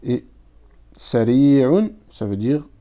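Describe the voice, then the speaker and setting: A man's voice: medium pitch, expressive, very slow. A man teaching a recorded language lesson, patiently explaining step by step and reading out words with their translations. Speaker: Arabic teacher. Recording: dull lo-fi sound.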